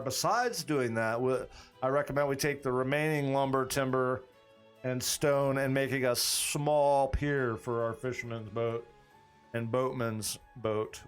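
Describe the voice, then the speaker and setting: A clear, resonant, medium-pitched male voice belongs to a game master streaming a tabletop campaign. He talks with viewers in a loose, rambling style, thinking out loud and repeatedly starting his thoughts again.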